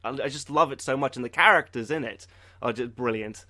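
A man's voice: medium pitch, a little fast, sharp tone, no room sound, studio quality. A young man hosting a podcast, chatting casually in a rambling way, stammering and filling his sentences with "like" and "you know". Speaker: podcast host.

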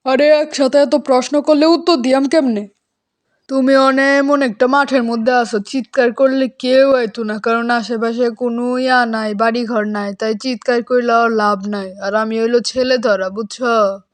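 Woman playing a blunt high-voiced cartoon kidnapper man. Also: steady tone, normal speed, natural voice. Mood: threatening. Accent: Bangladeshi regional Bengali. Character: blunt, threatening male child kidnapper. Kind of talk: amateur cartoon dubbing.

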